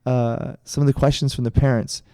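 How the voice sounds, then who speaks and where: Middle-aged male co-host, mellow and dry, rambling casual storyteller. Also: medium pitch, level tone, fairly quick, no echo. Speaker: podcast co-host, karate instructor. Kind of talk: casual chat.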